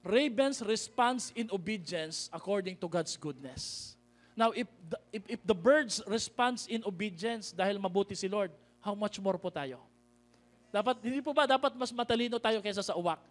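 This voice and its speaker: A man with a Filipino accent preaching a sermon as pastor, calling out to the congregation and reading scripture slowly with emphasis. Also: high voice, animated. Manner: preaches in mixed Tagalog and English, calling out to the congregation.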